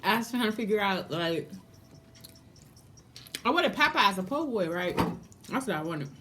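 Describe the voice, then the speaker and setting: A woman's voice: mid-range voice, big pitch swings, moderate pace, bright, forceful tone, a little hiss or hum. A woman chatting casually to viewers in a mukbang vlog, talking between bites of crunchy fried chicken. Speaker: mukbang vlogger.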